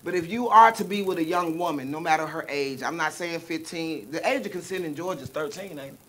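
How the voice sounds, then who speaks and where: A woman's voice: deep voice, brisk. A woman from the American South with a Southern drawl, hosting a casual live chat in a blunt, emphatic, profane way. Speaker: talk show host.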